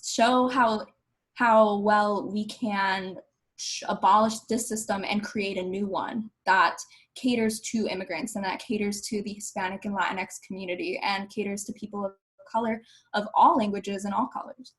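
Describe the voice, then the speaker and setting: A woman's voice: mid-range voice, steady tone, moderate pace, low-quality recording. A young woman and student presenting to her class over a video call, speaking in an earnest, persuasive way. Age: young adult.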